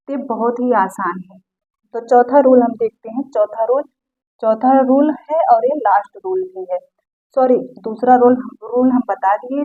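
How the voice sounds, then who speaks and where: A woman teaching a basic English grammar lesson in Hindi, repeating key phrases and checking that learners follow. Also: fairly high pitch. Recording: tinny phone-like audio.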